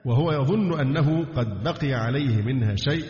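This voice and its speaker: A man with an Egyptian accent teaching Islamic jurisprudence, reading from a text and adding colloquial explanations with pauses and fillers. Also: mid-range voice, a little mellow. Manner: reads a text aloud, then breaks off into colloquial asides with hesitations. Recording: echoey hall, dull lo-fi sound.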